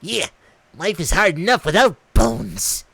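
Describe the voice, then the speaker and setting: A laid-back brawler who drawls slowly in a high, gravelly voice, as a man plays him. The sound is dry and close. It is an amateur fan reading. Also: expressive, pushed and bright, dry recording, full character voice. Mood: gruff.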